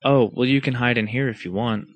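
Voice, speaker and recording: Man putting on a flirty sleepy dame from a storybook, soft and forward, pitched up a little. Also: steady tone, fairly quick, natural voice.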